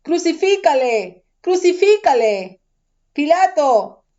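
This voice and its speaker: A woman reading the lines of an angry crowd of men, with raised, insistent, higher-pitched outcries. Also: expressive, slow pace, mellow, lo-fi sound. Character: angry shouting crowd of men demanding execution.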